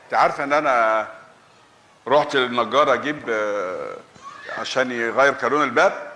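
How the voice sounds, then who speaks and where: An actor with an Egyptian accent playing a simple retired father and flustered husband, talking in a lively, pleading way. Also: mid-range voice, fairly quick, background noise, lightly acted. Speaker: stage actor. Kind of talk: live comedic stage acting. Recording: roomy live stage sound.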